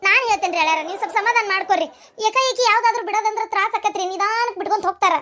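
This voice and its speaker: A chatty cartoon mother , as a woman plays her who quotes proverbs and defends her daughter in a fussy, sing-song North Karnataka Kannada. The voice is very high and bright. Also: rapid-fire, slight background noise. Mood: soothing.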